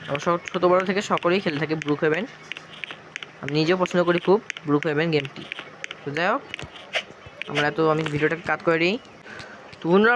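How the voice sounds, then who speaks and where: Gaming YouTuber, male, Bangladeshi Bengali accent, hoarse, rambling and quick, slightly high voice, noisy traffic behind. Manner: rambling, chatty, keeps circling back with the same filler. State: hoarse from a cough. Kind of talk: casual gameplay commentary.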